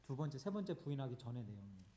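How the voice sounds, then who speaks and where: A man's voice: mid-range voice, sing-song, very fast, dark tone, slight background noise. A male pastor preaching a sermon in an earnest, vivid storytelling manner.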